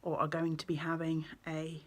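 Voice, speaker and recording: A woman's voice: sits low, completely flat delivery, normal speed. Chatty woman, rambling knitting vlog. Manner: rambling, with many ums and self-corrections. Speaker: knitting vlogger and yarn shop owner.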